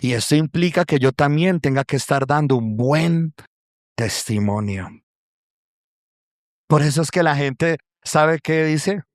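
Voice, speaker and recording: A pastor with a fairly high voice preaches to his congregation, calling them brothers as he goes. He tells stories with lively acted-out quotes. The sound is dry and close, with little room echo. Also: measured pace. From Colombia. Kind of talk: sermon. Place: church.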